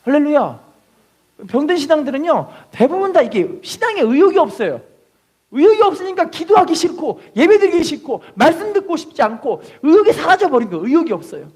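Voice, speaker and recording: In a church sanctuary, a pastor preaches to his congregation, leading call-and-response and crying out acted prayers at a high pitch as he goes. His darkish voice swings widely in pitch, and his delivery is a little fast.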